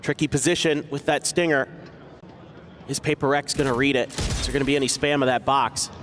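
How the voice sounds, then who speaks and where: A man's voice: medium pitch, steady tone, brisk, noisy background. A man working as an esports caster, giving analytical match commentary in a conversational, explanatory way.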